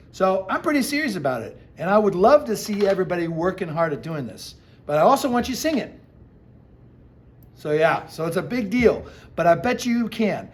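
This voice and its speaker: A man, a music teacher, giving a recorded lesson to a class of children, chanting rhythm syllables to show each part and encouraging them. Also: high-pitched. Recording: echoey room with faint ambience.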